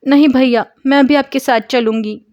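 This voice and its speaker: A woman reading a story aloud, voicing a soft-spoken, devoted young wife who pleads through tears. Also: mid-range voice, moderate pace, no room sound, dull audio, natural voice. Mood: pleading.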